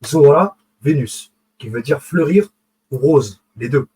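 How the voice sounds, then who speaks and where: In a rough recording, an online lecturer on esoteric symbolism talks slowly but animatedly, his medium-pitched voice warm and slightly rough. The live talk is casual and wandering, full of fillers, restarts and self-corrections, and he checks in with his audience along the way.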